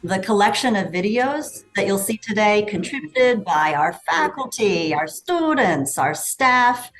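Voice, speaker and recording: A woman's voice: medium pitch, animated, faint music behind, low-quality recording. A woman, the school's chief executive, reading formal welcome remarks to the school community. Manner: measured, formal address.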